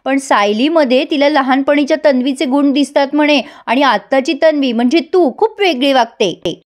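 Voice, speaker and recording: Brief: woman reading a jealous, grumbling young woman from a serial, high-pitched. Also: normal speed, close to an everyday voice. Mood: scornful. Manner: grumbling, scornful. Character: sharp-tongued young woman, jealous, complaining.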